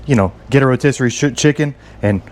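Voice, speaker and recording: A man's voice: medium pitch, fast talker, darkish tone. A man talking casually through a home recipe, stammering and repeating words as he goes, rambling and self-deprecating. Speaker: home cook. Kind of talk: casual cooking vlog.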